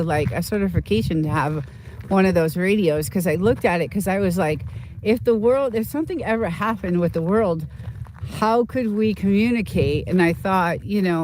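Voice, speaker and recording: A streamer from Boston talks casually to viewers in an easygoing, meandering way, drifting through stories with plenty of "uh" and "you know." The pitch sits in a comfortable middle register. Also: a little mellow, a little hiss or hum. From Boston, United States. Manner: rambling, chatty, storytelling with many fillers. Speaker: livestream host.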